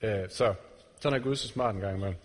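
A man giving a sermon to a congregation in an earnest way, putting direct questions to his listeners. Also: on the low side. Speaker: preacher. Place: church hall. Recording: reverberant church hall.

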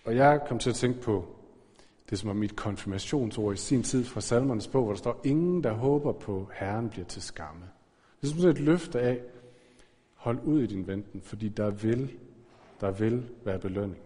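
A man's voice: on the low side, dark tone, long reverb tail. A man preaching a sermon as pastor, talking conversationally with frequent fillers and self-corrections.

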